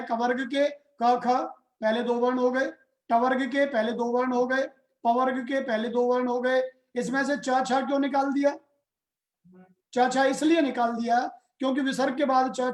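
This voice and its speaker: A man teaching a grammar lesson, explaining step by step and putting questions to his students. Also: extremely high pitch. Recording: roomy echoey room.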